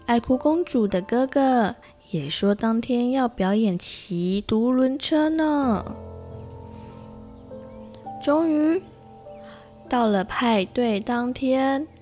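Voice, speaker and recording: A woman with a Taiwanese Mandarin accent reading a children's picture book aloud, slowly and gently. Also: on the high side. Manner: slow, gentle and expressive. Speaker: storyteller.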